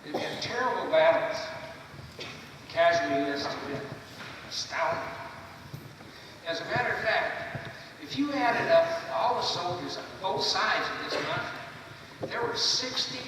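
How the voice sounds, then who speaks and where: Older man, podium speech, theatrical and emphatic, deliberate pauses, very reverberant hall, heavy noise. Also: sits high, lively intonation. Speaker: guest speaker, retired naval officer. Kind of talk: podium speech to a school assembly. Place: large echoing hall. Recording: echoey hall, distant mic, loud noise.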